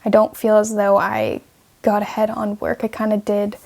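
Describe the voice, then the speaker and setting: A woman's voice: medium pitch, monotone, normal speed, creaky, a little mellow. A young woman vlogger in casual talk, thinking aloud as she plans and types at her computer. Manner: chatty, thinking aloud while typing. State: out of breath. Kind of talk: casual planning vlog with screen recording.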